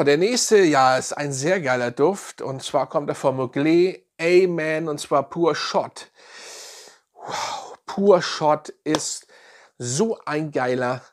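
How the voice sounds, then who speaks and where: A man reviewing fragrances in a casual, enthusiastic way, piling on slangy praise. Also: medium pitch. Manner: enthusiastic, repeats slang praise like "nice" and "geil".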